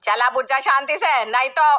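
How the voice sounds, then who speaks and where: A woman's voice: high voice, normal speed, voice pushed up. A woman doing a harsh scolding mother-in-law. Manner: sharp, scornful, commanding.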